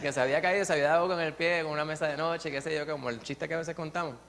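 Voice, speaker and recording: A man sharing at a church Bible study, earnest and lively, telling stories with many restarts and asides. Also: on the high side, racing, slight background noise. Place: church classroom.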